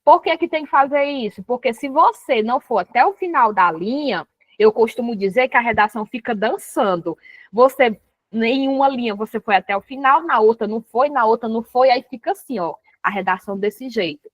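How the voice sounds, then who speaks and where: A woman's voice: fairly high pitch, fairly quick, no echo. A Brazilian woman teaching a recorded writing lesson, explaining step by step and checking often that students follow. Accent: Brazilian Portuguese.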